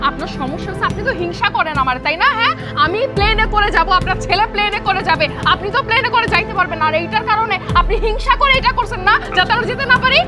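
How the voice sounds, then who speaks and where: Casting: actress as shrill, rapid-fire, scornful young wife, music underneath. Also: female voice, expressive, over a noisy crowd. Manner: scornful, bossy. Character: cruel, arrogant young wife, spiteful. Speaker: daughter-in-law. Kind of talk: TV drama acting.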